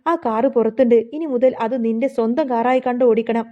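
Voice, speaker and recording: A woman's voice: fairly high pitch, moderate pace, dull audio, natural voice. A woman voicing a proud, confident young businessman who speaks in a mocking, self-assured way.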